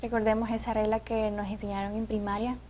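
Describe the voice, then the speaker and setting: A woman's voice: mid-range voice, level tone, fast talker, warm tone, a little hiss or hum. A woman hosting an educational TV program, attentive and leading each segment. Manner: attentive, frequent "ujú" backchannels, guides segments. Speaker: TV program host. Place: TV studio.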